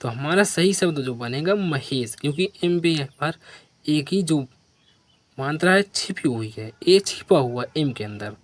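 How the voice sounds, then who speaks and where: Here a man's slightly high voice carries lively intonation as he goes a little slowly through a beginners' spelling lesson. Letter by letter he spells words, then quizzes the learner and prompts the viewer to say them back.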